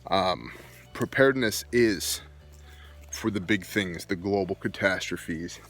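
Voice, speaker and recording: A middle-aged man talking casually to viewers as a folksy gun enthusiast and preparedness host, making emphatic points in short deliberate phrases. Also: deep voice, a bit bright, soft background music. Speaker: homesteading and preparedness video host. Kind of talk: casual off-the-cuff vlog talk to viewers. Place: outdoors, walking on own rural land.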